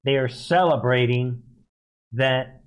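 Slow and clear with a resonant, mid-range tone, this man hosts live news commentary on politics. His delivery is scornful and mocking, emphatic, with phrases repeated for effect.

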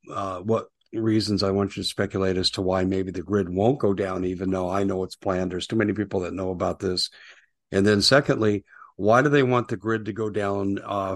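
A man's voice: low-pitched, steady tone, moderate pace, no room sound, clean studio sound. A man hosting an interview, putting questions to his guest in a conversational way. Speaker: interview host.

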